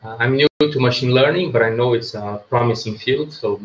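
A man's voice: mid-range voice, brisk, echoey room, slight background noise, poor audio. A man from Brazil, introducing himself plainly on a video call with headphones.

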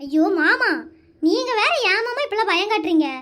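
A woman's voice: extremely high pitch, expressive, fairly bright tone. A woman voicing a young wife in a Tamil cartoon, whining and pleading with her husband. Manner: whining, pleading, drawn-out calls.

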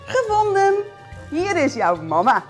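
A woman doing an eager storybook squirrel, high and lively, unhurried. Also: soft background music, exaggerated voice. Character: helpful eager male squirrel.

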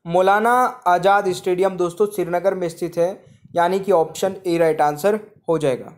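A man with a high voice talks over quiz slides as a teacher. He reads every question, repeats it to his viewers, and then states the answer plainly. His steady classroom patter keeps to a fixed routine. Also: normal speed. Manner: repeats each question, addresses viewers as friends. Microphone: voice-over on screen slides.

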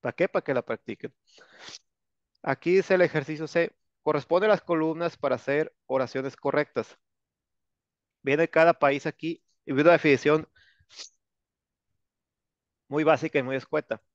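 A man's voice: fairly high pitch, fairly even intonation, moderate pace, long pauses, dry recording. A man with a Mexican accent teaching an English class online, joking and sarcastic, with plenty of slang. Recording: dull lo-fi sound.

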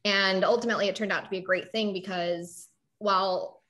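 A woman's voice: mid-range voice, fairly even intonation, brisk, fairly bright tone. Young woman, chatty, full of fillers. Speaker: panel guest, survivor. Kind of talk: casual panel talk.

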